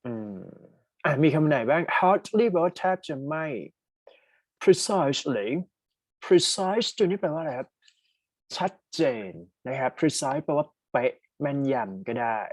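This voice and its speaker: Young Thai-accented male tutor, lively rising and falling delivery, upper-middle pitch, reads test items slowly. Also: no echo. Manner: reads English sentences slowly, explains quickly in Thai; asks students to type answers in chat. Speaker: English teacher. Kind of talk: online exam-prep lesson.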